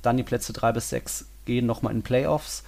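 A man's voice: medium pitch, fairly even intonation, moderate pace, gravelly, darkish tone. A man hosting a football podcast in casual chat. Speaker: podcast host.

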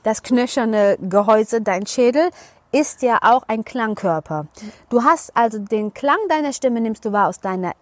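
A woman, a professional speaker and singer, explains things in a relaxed interview with blunt, colloquial humor. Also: on the high side, normal speed, dry recording. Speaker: voice coach and seminar leader.

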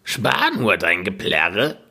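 A man voicing a cruel, greedy old female witch in a storybook reading, with a shrill, harsh voice. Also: very animated, slow pace, vocal fry, pushed and bright, breathy edge, full character voice.

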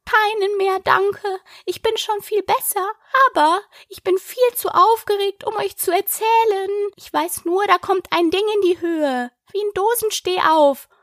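A woman reading aloud and voicing a tiny, weak male lizard with a feeble, squeaky, flustered voice. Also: measured pace, few pauses, a bit bright, no room sound, clean studio sound, full character voice. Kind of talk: audiobook character voice.

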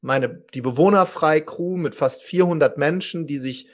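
A man in his forties telling a story as a podcast guest, animated, acting out quotes and restarting often. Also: fairly high pitch, moderate pace. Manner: lively, acts out quotes, many restarts.

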